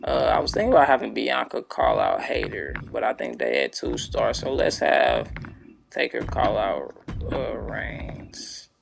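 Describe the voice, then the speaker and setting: A man's voice: mid-range voice, very animated, unhurried, vocal fry, a little hiss or hum, low-quality recording. A young man chatting casually and rambling to his viewers while streaming a game. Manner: laid-back, rambling, talks to chat. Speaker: gaming streamer. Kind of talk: casual gameplay chat with viewers.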